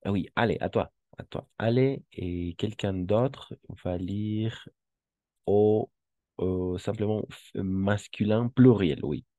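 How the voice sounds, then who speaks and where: Slow, deep-voiced French teacher. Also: male voice, mellow, dry recording, dull audio. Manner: slow, patient, repeats words for drilling. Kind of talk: classroom lesson.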